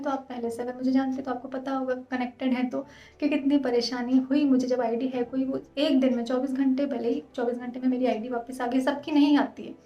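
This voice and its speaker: A woman in her thirties talking fast and earnestly to her viewers in a casual vlog. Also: high-pitched, mellow, echoey room, dull audio. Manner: fast, earnest, direct address. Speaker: vlogger.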